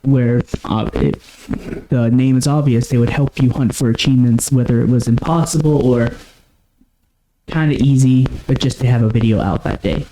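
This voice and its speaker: A man's voice: mid-range voice, normal speed, warm tone, a little hiss or hum, poor audio. A man co-hosting a podcast, chatting casually and often stopping to correct himself. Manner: rambling, self-correcting. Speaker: podcast co-host. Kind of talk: casual chat.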